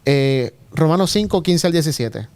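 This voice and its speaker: A man leads a group Bible study in conversational tones, calling on people to read passages. His voice is smooth and clear, a bit higher than most, and recorded dry and close. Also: lively intonation, normal speed, darkish tone, dry recording. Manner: conversational, asks group to look up verses. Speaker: Sabbath School discussion leader. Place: church room.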